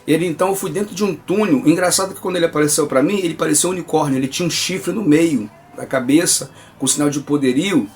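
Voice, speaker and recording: Brazilian man, religious testimony, emphatic and earnest, slightly high pitch. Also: fast, darkish tone, slight background noise. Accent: Brazilian Portuguese. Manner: earnest and emphatic, addresses listeners as brother.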